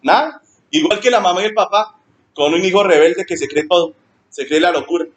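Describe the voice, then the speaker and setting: A male pastor, preaching a sermon in an animated way and acting out church members in high mocking voices. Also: a little fast.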